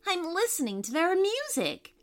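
A sweet little girl full of wonder, high and lilting, with her voice leaping up and down as she insists on her point, as a woman reads her. She sounds eager and sincere, a storybook child at her window at night. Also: huge pitch swings, normal speed, heavily acted. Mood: earnest. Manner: bright, earnest, insistent. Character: cheerful dreamy little girl stargazer.

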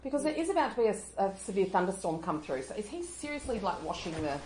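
A woman's voice: medium pitch, very animated, fast talker, background noise. A middle-aged woman co-hosting a podcast, chatty and rambling, often trailing off mid-sentence. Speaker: podcast co-host. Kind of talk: casual chat. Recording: roomy echo.

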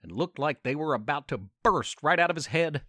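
Man, storyteller, playful narration, lively swooping pitch, higher voice, dry close sound. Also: a little fast, no room sound. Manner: animated, playful asides.

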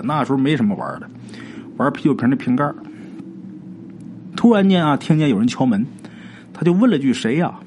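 A man narrates a ghost story in a chatty, folksy manner. He stretches his phrases with filler particles, and his pitch rises and falls a lot. Faint noise sits under the voice. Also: a little mellow. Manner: colloquial, drawn-out with filler particles. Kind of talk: spoken horror storytelling.

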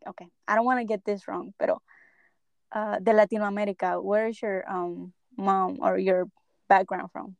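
A woman's voice: mid-range voice, steady tone, normal speed, creaky, dry recording, dull audio. A woman host interviewing a guest, affirming and supportive, mixing Spanish and English in short prompts. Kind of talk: casual bilingual interview.

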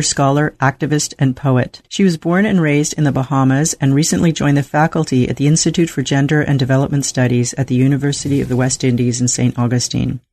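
A woman's voice: very deep voice, a little mellow, no room sound. A woman hosting a book podcast, reading a scripted introduction and asking questions politely with hesitant fillers. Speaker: podcast host.

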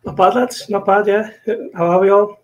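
A man's voice: sits high, steady tone, moderate pace, darkish tone, a little hiss or hum, rough recording. A British man giving casual football analysis as a correspondent guesting on a podcast.

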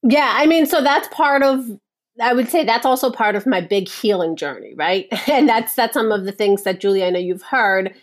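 A woman's voice: fairly high pitch, animated, normal speed. Earnest reflective woman guest. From Nepal. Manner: earnest, reflective, many "like" and "and so" fillers. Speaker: guest, personal power coach. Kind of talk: casual podcast interview.

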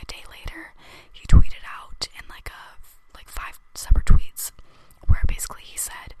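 A young woman hosting a podcast, whispering close to the mic in a casual, self-deprecating gossip style with lots of filler words. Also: poor audio. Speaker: podcast host. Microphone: close studio mic, tapped at times.

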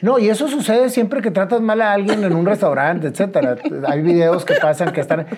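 A woman hosting an interview, reacting quickly and chatting with her guest. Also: mid-range voice, crowd noise. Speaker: interview host. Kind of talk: conversational interview.

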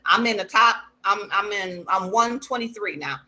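A man's voice: high-pitched, normal speed, sharp tone, low-quality recording. A man talking in casual chat as a gospel musician guest, enthusiastic and repeating himself.

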